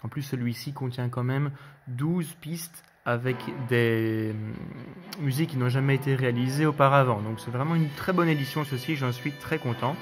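A man hosting a casual spoken review of his collection, relaxed and hesitant, with frequent fillers and restarts. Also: medium pitch, normal speed, slight background noise.

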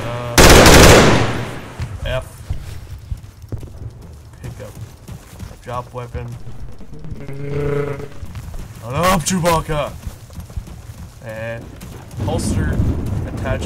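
A man giving casual, profane commentary while playing a shooter game, prone to excited outbursts. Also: mid-range voice, very noisy. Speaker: gaming commentator. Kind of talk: casual let's play commentary. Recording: loud game music and gunfire behind.

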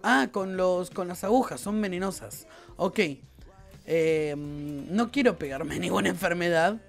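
A man's voice: high-pitched, unhurried, gravelly, faint music behind. A young man with a Rioplatense Spanish accent, giving chatty, playful commentary on a game as he plays it and reacting aloud to what happens. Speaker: gaming YouTuber. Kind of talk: let's-play game commentary.

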